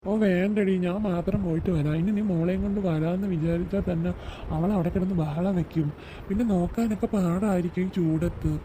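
A woman's voice: lowish voice, fairly even intonation, a little fast, dark tone, slight background noise, lightly acted. A woman voicing a lazy, offhand young cartoon husband who brushes off his wife's requests. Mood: dismissive. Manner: dismissive, casual. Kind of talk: cartoon voice acting.

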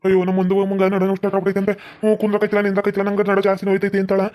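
Actor voicing a fretful cartoon village uncle, North Karnataka accent, very fast, flat delivery. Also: mid-range voice, close to an everyday voice. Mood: fretting. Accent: North Karnataka Kannada. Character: middle-aged village man, worried uncle.

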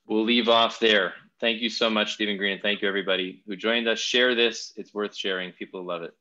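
A man's voice: lowish voice, fairly even intonation, a little fast, sharp tone, lo-fi sound. A man hosting a podcast interview, talking in an enthusiastic, thoughtful way with frequent restarts. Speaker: podcast host. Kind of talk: casual interview chat.

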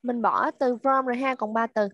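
A woman teaching children English online, slowly repeating words to drill pronunciation. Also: a little high, steady tone, a bit bright, no echo, dull audio. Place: at home.

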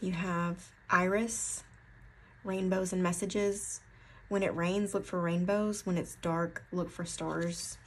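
A woman's voice: on the low side, flat delivery, takes it slowly, slight background noise. A woman with an Appalachian accent giving a casual tarot card reading, rambling and correcting herself as she thinks aloud. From Appalachian foothills, USA. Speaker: tarot reader.

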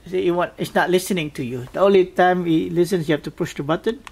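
A man casually narrating a product test as a reviewer, haltingly thinking aloud. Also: sits high, creaky, a little mellow, husky. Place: indoors at a tabletop. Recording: faint background noise.

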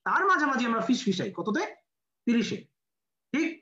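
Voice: medium pitch, animated, normal speed, pushed and bright. A physics lecturer with a Bangladeshi Bengali accent, teaching a class and quizzing students with rhetorical questions while repeating key numbers. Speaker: medical admission physics lecturer. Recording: roomy, dull lo-fi classroom recording.

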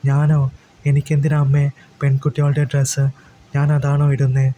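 Man reading as a prankster younger brother, feigned innocence, flat pitch, faint background hiss. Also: normal speed, lightly acted, poor audio. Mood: innocent.

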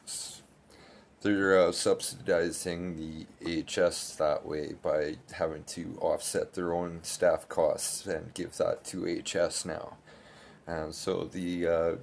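The same kind of loose, filler-heavy political critique comes from a man in his thirties speaking to camera in a small bedroom. His low voice has a slightly mellow quality, and there's a little hiss or hum on the recording.

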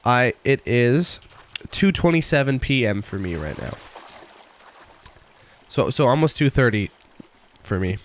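A young man chats loosely through a live game stream, answering chat between bursts of excitement. His voice sits at an ordinary middle pitch. A faint hiss and the click of keys run under the desk mic. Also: a little slow, pauses often. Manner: chatty, reads chat aloud, excited outbursts while playing. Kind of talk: casual live-stream commentary.

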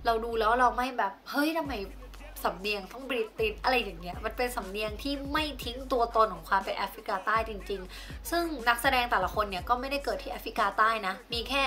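A woman's voice: a little high, quick pace, pushed and bright. A young woman vlogger chatting casually through a numbered movie rundown, with polite particles at the end of her sentences.

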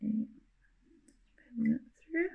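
A woman's voice: a little high, expressive, takes it slowly, creaky, narrow, tinny audio. A young woman, demonstrating a craft in a casual, chatty way, often correcting herself mid-sentence and thinking aloud. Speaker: craft tutor. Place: small room indoors.

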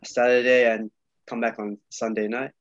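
A young Malaysian man, a jiu-jitsu coach, appears as a podcast guest over a video call from a small indoor room, chatting loosely with plenty of fillers and repeats. His mid-range voice is flat and moderately paced. Recorded through a webcam, the audio sounds dull and dry.

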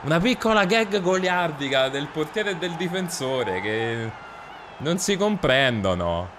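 A man's voice: fairly high pitch, big pitch swings, measured pace, noisy background. A young man, a gaming streamer doing jokey mock football commentary over gameplay and mumbling asides.

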